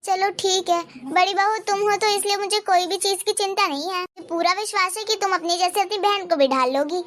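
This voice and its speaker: A woman's voice: very high-pitched, a little fast, fairly bright tone. Woman voicing a wise, firm cartoon mother-in-law. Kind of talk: cartoon dubbing.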